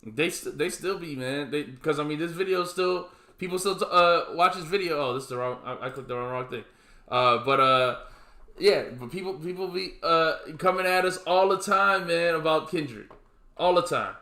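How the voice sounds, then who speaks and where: A man rambles through a casual podcast chat, restarting his sentences and tacking "man" onto his lines. His voice sits a little high and bright. The room around him is noticeably echoey. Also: moderate pace. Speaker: podcast co-host.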